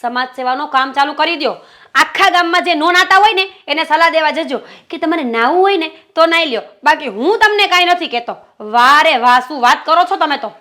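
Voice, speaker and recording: An actress playing a jealous wife who accuses her husband in a family drama, sharp and sarcastic. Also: high voice, lively intonation, fairly quick. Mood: accusing. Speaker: suspicious wife. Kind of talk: Gujarati short-film family drama acting.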